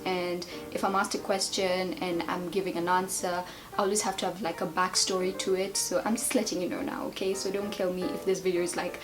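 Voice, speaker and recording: A woman in her twenties chatting casually in a tag video, rambling and playful as she answers questions. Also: mid-range voice. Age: 20s. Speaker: beauty and lifestyle vlogger.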